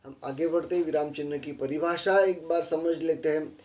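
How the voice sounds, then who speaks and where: Higher-pitched man teaching a slide lesson. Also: fairly even intonation, a little mellow. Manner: explains patiently, repeats key phrases, pauses with fillers. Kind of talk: classroom lesson over slides.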